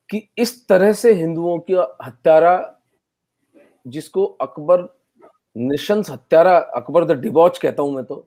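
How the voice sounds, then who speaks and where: Indignant man, high-pitched. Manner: forceful, indignant, switches into English phrases. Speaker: guest historian. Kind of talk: impassioned interview answer.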